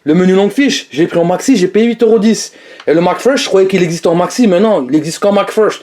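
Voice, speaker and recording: A young man chatting casually to his viewers in a fast-food review vlog, slangy and playful. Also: sits high, a little mellow.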